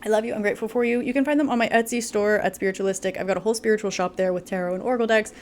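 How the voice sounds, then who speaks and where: A woman's voice: medium pitch, fairly even intonation, rapid-fire, a little mellow, a little hiss or hum. Chatty woman giving a tarot reading. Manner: chatty, laughs often, many fillers. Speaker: tarot reader. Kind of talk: casual tarot reading to camera.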